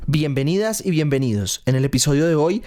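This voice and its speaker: Man hosting a podcast, measured. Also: fairly high pitch, expressive, a little mellow. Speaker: podcast host. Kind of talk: scripted intro and casual interview chat.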